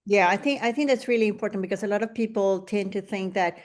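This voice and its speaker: A middle-aged Venezuelan woman with a Venezuelan Spanish accent hosts a podcast, holding a casual interview conversation. She talks fast at a medium pitch, reflecting in long, winding sentences.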